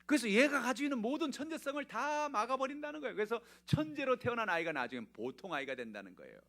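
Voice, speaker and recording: A male pastor preaching a Sunday sermon, swinging from loud exclamations to hushed whispers and calling out hallelujah again and again. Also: very high-pitched, very animated, fast. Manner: punctuates with repeated hallelujahs.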